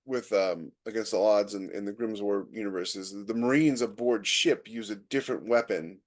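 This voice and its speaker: At normal speed and in a fairly low voice, a man co-hosts a relaxed podcast chat, explaining topics as a military sci-fi writer. He regularly abandons sentences partway and begins again.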